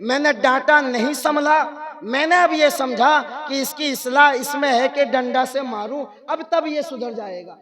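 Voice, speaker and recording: Preacher on a stage at a gathering, a high-pitched man shouting his points, crowd audible behind. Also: measured pace. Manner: rises to loud shouting. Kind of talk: sermon.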